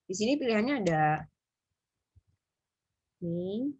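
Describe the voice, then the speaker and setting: A woman tutors English over a video call, pausing often and thinking aloud as she explains. Her voice is husky and sits at a middle pitch. The sound is dry and dull, as on a call. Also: big pitch swings, darkish tone, no room sound. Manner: hesitant, thinking aloud with many fillers. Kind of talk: online English lesson. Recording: muffled video call audio.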